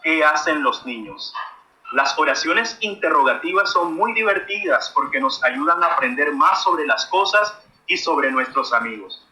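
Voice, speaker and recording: Bright-voiced man teaching children. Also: fairly high pitch, expressive, unhurried, reverberant, poor audio. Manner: friendly, addresses children directly with questions. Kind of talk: children's grammar lesson.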